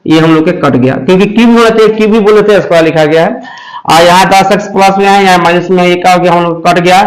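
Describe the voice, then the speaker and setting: A man teaches math at a coaching class. He works through each step slowly, repeating himself and stopping often to ask if it is clear. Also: sits high, poor audio. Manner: slow, repetitive explaining with frequent check-ins. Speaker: math tutor. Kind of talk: blackboard math lesson.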